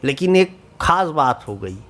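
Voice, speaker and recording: A man narrating a children's cartoon story, often pausing to ask the young listeners questions. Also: fairly high pitch, sing-song, a bit bright. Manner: asks the children questions, sing-song.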